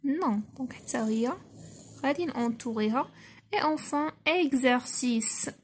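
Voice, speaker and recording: A female primary school teacher with a Moroccan accent, walking a class through exercises, dictating slowly and explaining in quick asides. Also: sits high, slight background noise. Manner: slow, deliberate dictation of French mixed with quick Darija asides.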